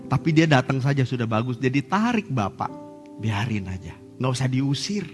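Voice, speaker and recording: A man preaching a sermon as pastor, lively and humorous, acting out quotes. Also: mid-range voice, normal speed. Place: church hall. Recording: church service with hall reverb and faint music.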